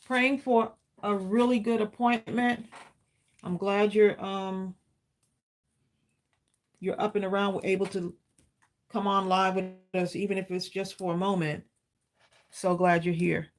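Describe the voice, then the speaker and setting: A woman's voice: medium pitch, flat delivery, a little slow, pauses often, a little hiss or hum. A woman hosting a live crafting stream, chatting and encouraging viewers while she demonstrates stamping. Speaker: craft livestream host. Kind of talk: live crafting demo chat.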